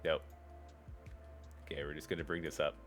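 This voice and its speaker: A man's voice: a bass voice, little pitch movement, moderate pace, fairly bright tone, faint music behind. A man streaming himself reading fan fiction aloud, often breaking off for joking, mocking asides.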